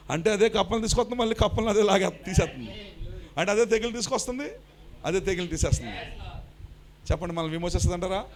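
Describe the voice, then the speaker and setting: Gravelly preacher swinging from hush to shout. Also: male voice, high-pitched. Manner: swings between hushed questions and shouted sing-song proclamation. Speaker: pastor. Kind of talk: sermon.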